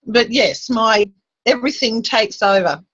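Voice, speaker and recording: A woman's voice: a little high, a little slow, a bit bright, slightly rough, dry recording, lo-fi sound. A woman on a call asking a coach for advice, speaking hesitantly with fillers and restarts. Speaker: caller asking a question. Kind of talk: casual chat on a call.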